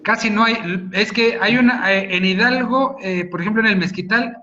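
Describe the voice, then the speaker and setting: Male teacher, high bright voice, patient explainer; dull video call audio. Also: moderate pace, a little hiss or hum. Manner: explanatory, checks with "¿sí?" and "¿no?". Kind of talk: videoconference lesson on phonetics.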